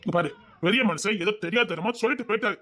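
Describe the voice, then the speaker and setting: Fast-talking Tirunelveli Tamil man. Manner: teasing banter, jumping between high and hushed lines. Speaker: comedy sketch performer. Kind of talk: comic family sketch playing several relatives.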